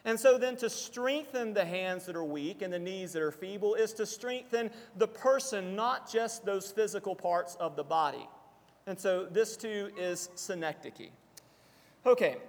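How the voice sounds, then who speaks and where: A man preaching a sermon to a congregation, explaining scripture in a measured teaching manner and slowing down for quotations. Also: high-pitched, lively intonation. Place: church assembly hall. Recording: long reverb of a church hall.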